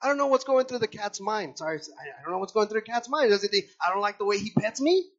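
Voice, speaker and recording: At a church service, a man with a high voice preaches fast, the audio sounding dull. He addresses his congregation as brothers and sisters and delivers the sermon with animation, acting out the voices of people and animals.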